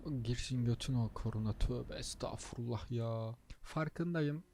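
A tired, low-energy young man hosts a gaming channel, chatting casually as he plays and grumbling at the traffic while swearing under his breath. He has a mid-range, darkish voice at normal speed.

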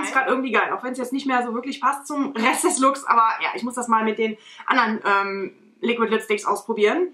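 A young beauty vlogger talks casually through a makeup tutorial in her bedroom or home studio, rambling with plenty of fillers. Her voice is fairly high, pushed and bright, and a camera at desk distance records her at home.

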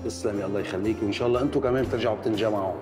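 A man's voice: fairly low pitch, rapid-fire, close to an everyday voice. A man in a dubbed TV drama, speaking in a reassuring way. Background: music score.

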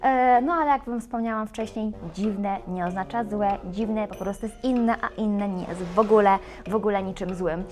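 A woman hosting a plant shop video, talking in a playful, chatty and animated way. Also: mid-range voice, normal speed, few pauses. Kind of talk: casual video presenting plants.

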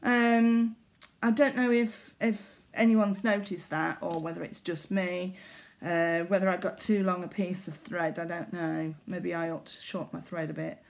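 In a small living room, a middle-aged woman who does needlework vlogs rambles hesitantly to a camera held at arm's length. She speaks a little slowly in a flat, gravelly voice on the low side.

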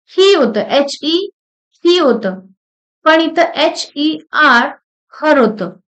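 A woman teaching English pronunciation, saying words one at a time in slow, deliberate drills with short explanations. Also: high-pitched, a bit bright. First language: Marathi. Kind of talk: pronunciation lesson reading word lists.

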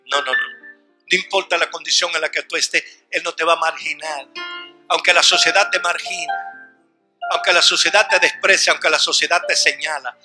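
A man preaching a sermon in a shouting, fervent style with repeated refrains. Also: sits high, poor audio.

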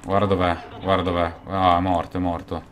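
A young man giving gameplay commentary as a gaming YouTuber, excitable and swearing, now and then bursting into shouts. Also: deep voice, a little fast, a little hiss or hum.

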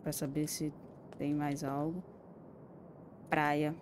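Here the Brazilian streamer speaks slowly in a low, level tone against a noisy background, narrating her horror game casually to herself. She curses frequently and reacts jumpily with exclamations when scared. The accent is Brazilian Portuguese.

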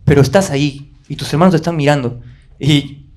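A man doing his soft weary father. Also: fairly high pitch, lightly acted. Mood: hurt, gentle. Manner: soft, halting, pleading. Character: weary gentle father, middle-aged man. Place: theater stage.

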